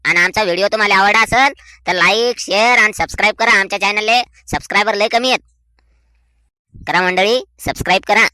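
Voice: mid-range voice, brisk, bright, forceful tone, clear, resonant tone, dry recording, natural voice. An actor voicing a chatty village woman neighbour. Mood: advising. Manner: chatty, scornful gossip. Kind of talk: cartoon voice acting.

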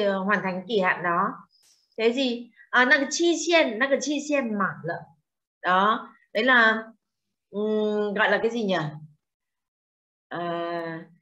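A woman's voice: fairly high pitch, bright, forceful tone. A woman teaching a translation class, questioning students and explaining terms with foreign words mixed in. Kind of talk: classroom lecture. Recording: dull lo-fi sound.

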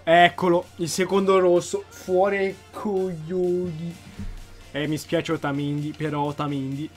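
A young man still in school, commentating his own football video game match at home at night. He talks excitably, repeats phrases and bursts into shouts whenever a goal goes in. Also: a little high. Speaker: gaming YouTuber.

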